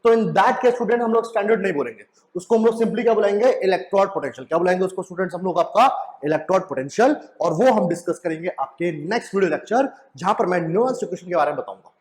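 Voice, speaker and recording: High-voiced man teaching chemistry. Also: fast talker, few pauses, a little mellow. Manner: repeats questions back to students, frequent "right?"; mixes in English phrases. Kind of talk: classroom lecture at a whiteboard.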